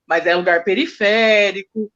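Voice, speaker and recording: A woman teacher, recounting school stories in an emotional, animated way. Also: mid-range voice, measured pace, dull audio. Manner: emotional, animated retelling with quoted speech. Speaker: teacher guest. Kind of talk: storytelling in a casual interview.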